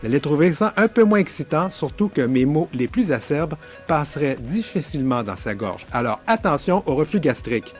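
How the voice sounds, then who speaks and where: A man's voice: on the high side, sing-song, normal speed, soft background music. A man with a Québécois accent, reading his own story aloud in a wry, self-mocking tone. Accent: Québécois French. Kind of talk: literary reading.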